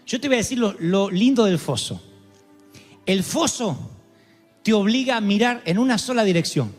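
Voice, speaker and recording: Impassioned high-voiced preacher in a reverberant hall. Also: male voice, expressive. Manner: impassioned preaching, swinging from shouts to soft, slow emphasis. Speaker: pastor. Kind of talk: sermon. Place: large church hall. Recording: live church sermon with long reverb and faint music.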